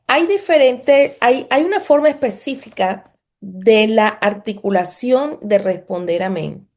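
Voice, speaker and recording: Female religious teacher, slow and deliberate, a touch high-pitched, patient explainer who repeats herself and checks in often. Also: darkish tone. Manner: repeats and restarts phrases as she explains. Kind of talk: online religious lesson.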